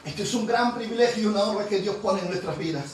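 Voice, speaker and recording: A woman's voice: medium pitch, fast talker. Woman pastor, fervent sermon, emphatic, heavy echo, distant mic, faint room hiss. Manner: fervent preaching, swelling to loud emphatic peaks.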